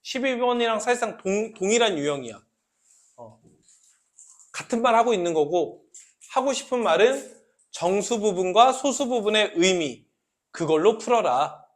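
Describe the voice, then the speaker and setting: A man teaching a math class, often asking students questions and repeating key points as he explains. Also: high voice. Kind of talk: classroom lecture.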